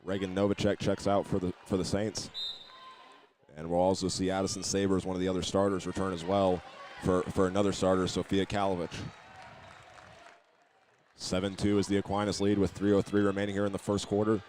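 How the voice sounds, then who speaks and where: This basketball play-by-play announcer has a low, slightly mellow voice with a completely flat, fairly quick delivery. He reports the action matter-of-factly, now and then stumbling and repeating words amid gym noise.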